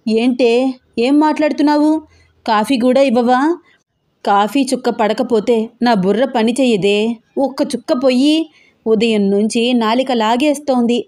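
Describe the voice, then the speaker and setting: A woman's voice: on the high side, normal speed, long pauses, darkish tone, natural voice. A woman putting on a toothless grumpy old grandmother. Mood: indignant. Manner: scolding, whining, nagging.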